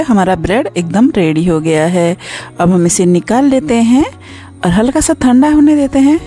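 A woman hosting a cooking channel, narrating a recipe step by step in a calm instructional voice-over. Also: medium pitch.

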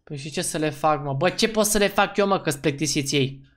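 A man giving let's-play commentary as a gaming YouTuber, excitable and slangy, breaking into loud whoops. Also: on the high side.

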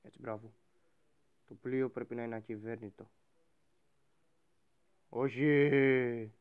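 A man playing a game and role-playing a bossy pirate captain who shouts orders at his crew. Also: mid-range voice, level tone, narrow, tinny audio. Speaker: gaming YouTuber. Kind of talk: Minecraft role-play commentary.

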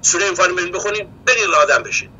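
A man's voice: sits high, dull audio, a little hiss or hum. A man speaking as a studio guest, giving impassioned commentary and acting out quoted dialogue as he tells a story. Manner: animated, acts out quoted dialogue.

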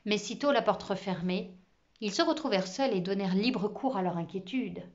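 A woman reading a children's book aloud, expressive and dropping to a hush at tense moments. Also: mid-range voice, normal speed, muffled recording. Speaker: storyteller.

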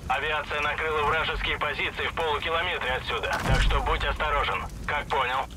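A man's voice: a little high, steady tone, fairly quick, noisy background. A man speaking as a military base radio operator, heard over a radio transmission, giving formal, clipped calls. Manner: formal, clipped call sign speech.

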